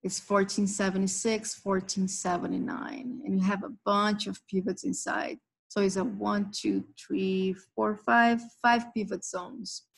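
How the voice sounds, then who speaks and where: A woman's voice: medium pitch, little pitch movement, unhurried, creaky, rough recording. A woman hosting a live trading session, walking members through chart levels and price zones. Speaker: trading stream host.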